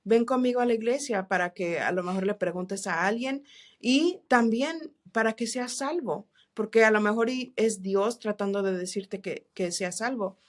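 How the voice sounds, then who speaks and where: Earnest woman telling her testimony, halting. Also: mid-range voice. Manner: earnest, halting with many restarts, mixes in English words. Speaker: interview guest. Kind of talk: testimony in a church podcast interview.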